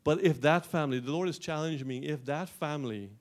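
Animated man preaching a sermon. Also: on the high side, a little fast. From Guyana. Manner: animated preaching with repeated restarts and rising emphasis. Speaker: pastor.

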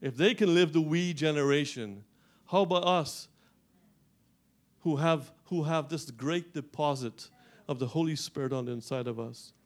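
A middle-aged man from Guyana preaching a sermon as pastor, animated, with frequent restarts and rising emphasis. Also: fairly high pitch, normal speed.

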